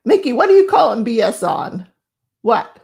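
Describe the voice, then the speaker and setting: A woman's voice: on the high side, very animated, normal speed, creaky, a little mellow. Chatty woman hosting a live stream. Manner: chatty, laughs often, greets viewers by name. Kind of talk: casual live chat reading comments.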